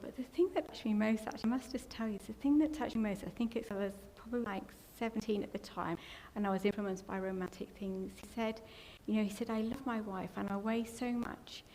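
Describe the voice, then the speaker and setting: A woman's voice: medium pitch, darkish tone. A middle-aged English woman giving a personal testimony in a church, telling a rambling, emotional story that at times chokes with tears. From England. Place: church hall. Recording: long hall reverb, faint background noise.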